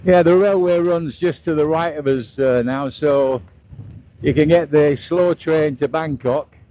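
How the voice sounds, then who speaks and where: Mellow middle-aged British man, casual riding commentary. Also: fairly high pitch, unhurried. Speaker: motovlogger narrating a ride. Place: outdoors, riding a scooter on roads.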